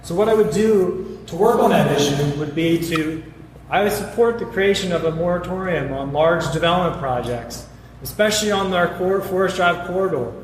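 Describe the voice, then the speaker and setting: A man running for city council, giving an earnest debate answer with quick restarts. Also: on the high side. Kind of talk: debate speech. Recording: echoey hall with faint noise.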